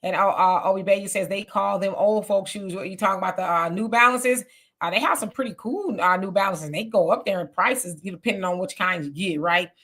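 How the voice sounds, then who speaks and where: A woman's voice: medium pitch, fairly quick, a bit bright. A woman in her fifties chats on a livestream, reading out viewer comments. She talks casually, with easy fillers and asides. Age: 50s. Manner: chatty, reads comments aloud with fillers.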